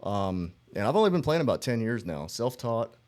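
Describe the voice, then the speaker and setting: Casting: easygoing male guest from North Carolina, storyteller, mid-pitched voice. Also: big pitch swings, moderate pace, a little mellow. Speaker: guest musician. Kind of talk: casual chat.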